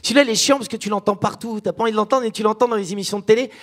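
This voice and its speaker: A man from France performs stand-up with a high voice. He talks chattily and speaks straight to the audience. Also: very fast. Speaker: stand-up comedian. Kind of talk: stand-up comedy.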